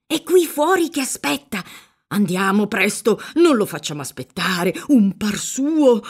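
A woman reading a classic novel aloud in a measured, even storytelling manner. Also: lowish voice. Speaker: reader.

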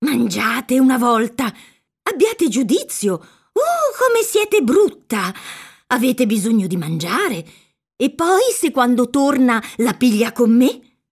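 A woman's voice: on the high side, very animated, slow, breathy edge, pitched above the performer's own voice, heavily acted. A woman voicing a fussy old female servant who pleads in an irritable, whining way. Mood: peevish pleading.

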